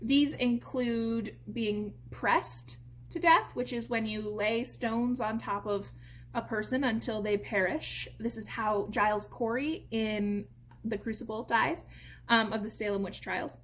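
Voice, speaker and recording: A young American woman from a theatre company giving an informal educational talk, lively and explanatory, with frequent "uh" and "um" fillers. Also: a little high, measured pace. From United States.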